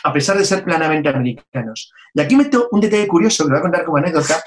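A man, explaining history in a chat with brisk, detailed asides. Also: a little high, animated, a little hiss or hum. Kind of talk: casual radio chat.

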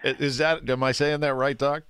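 A man's voice: mid-range voice, flat delivery, normal speed, a bit bright, clear, resonant tone, no room sound, studio quality. A man hosting a radio show with casual banter, enthusiastic, joking and full of questions. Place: radio studio.

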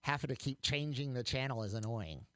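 A man's voice: medium pitch, fairly quick, a bit bright, no room sound, studio quality. A man co-hosting a tech talk radio show, chatting casually with many fillers and restarts. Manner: chatty, hesitant with fillers and repeats.

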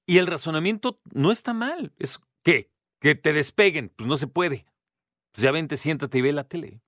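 A man's voice: a little high, normal speed, fairly bright tone, dry recording, studio quality. A middle-aged man with a Mexican accent, talking casually to the listener as a podcast host. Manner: acts out children's voices in anecdotes.

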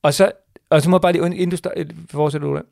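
A man's voice: on the high side, fairly even intonation, vocal fry, a little mellow, no echo. Blunt, fired-up man, dry close sound. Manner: emphatic, blunt, swears when fired up. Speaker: podcast co-host. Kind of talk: casual chat.

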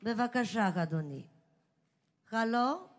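An actress playing an unflappable city-hall secretary in a radio comedy sketch, formal and curt, always by the book. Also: female voice, a little high, animated, close to an everyday voice. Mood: officious. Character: prim female municipal secretary, unflappable bureaucrat.

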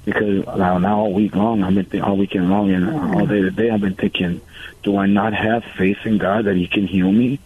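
Deep-voiced man calling in over the phone. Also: little pitch movement, normal speed. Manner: hesitant, rambling, many fillers. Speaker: caller. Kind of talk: call-in radio conversation. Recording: tinny phone line on radio.

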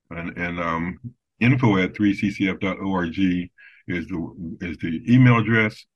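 A man with a very deep voice answers questions as a guest, stopping and restarting his sentences often. The recording sounds dull and lo-fi. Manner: halting, many restarts and fillers. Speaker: business development guest. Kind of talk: casual interview talk.

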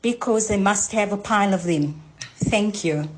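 A woman is heard through a played-back voice message, set to a middle pitch. She makes her listener complaint in a polite, measured way. The voice message comes in between studio talk. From South Africa. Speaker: listener sending a voice note.

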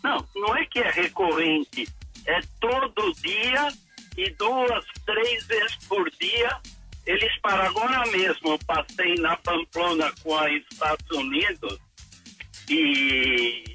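A man's voice: sits high, slow pace, bright, forceful tone, husky, faint music behind, low-quality recording. A man calling in by phone to a radio show, complaining in an indignant, insistent way. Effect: heard over the phone. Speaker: radio call-in listener.

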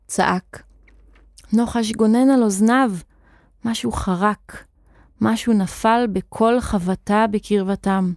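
Woman reading a kids story out loud, expressive, mid pitch, dry close sound. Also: dry recording. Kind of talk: children's audio story narration.

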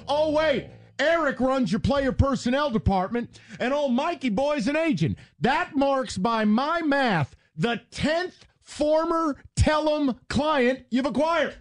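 A man's voice: extremely high pitch, animated, slow, soft background music. A male sports talk host ranting sarcastically with mocking jabs and heated emphasis.

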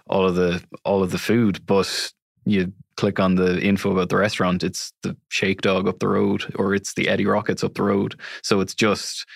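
A man's voice: sits low, vocal fry, a bit bright, no room sound, studio quality. A man with a west of Ireland accent, explaining things conversationally as an interview guest. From Galway City, west of Ireland.

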